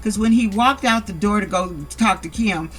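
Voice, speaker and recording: A casual reality TV recap vlog, delivered in a voice of ordinary middle pitch. The speaker is blunt and heavily profane, with sassy, exasperated asides throughout. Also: moderate pace, fairly bright tone, soft background music. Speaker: reality show recap vlogger.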